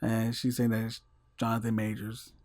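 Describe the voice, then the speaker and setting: A man's voice: fairly low pitch, monotone, normal speed, darkish tone, dry recording. A man co-hosting a casual podcast in a laid-back way, often trailing off. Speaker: podcast co-host. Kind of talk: casual chat.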